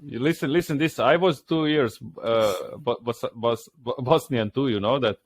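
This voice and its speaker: A middle-aged man from Dalmatia, co-hosting a comedy podcast and telling animated family stories in broken English. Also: medium pitch, normal speed. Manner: animated storyteller, broken English, laughs often. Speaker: podcast co-host. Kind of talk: casual comedic chat.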